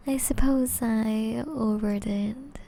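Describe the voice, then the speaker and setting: Playing a flirty vampire seductress for intimate ASMR, a woman uses an exaggerated, warm voice pitched fairly high. She is breathy and frequently whispers, drawing out teasing endearments.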